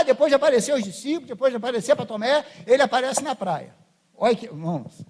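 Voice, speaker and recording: Male Brazilian pastor, high-pitched, conversational sermon in church, plays scenes out. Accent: Brazilian Portuguese. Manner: conversational, acts out voices of biblical figures.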